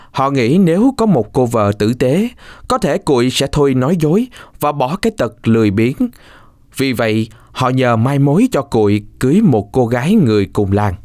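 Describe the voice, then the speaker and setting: A storyteller narrates a scripted folk tale for children in a darkish, mid-range voice that rises and falls expressively while the telling stays measured. The recording is close and dry, with little room sound.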